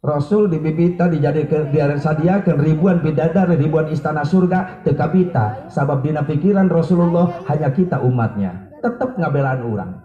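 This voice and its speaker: A man's voice: fairly high pitch, normal speed, few pauses. A man with a Sundanese accent preaching a sermon, telling the story dramatically and acting out the quoted voices. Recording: echoey lo-fi recording with faint music.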